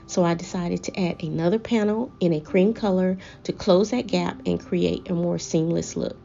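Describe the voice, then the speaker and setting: Low, creaky-voiced woman narrating a decor makeover. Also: moderate pace, warm tone, lo-fi sound. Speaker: home decor vlogger presenting a makeover. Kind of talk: scripted voice-over narration. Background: background music.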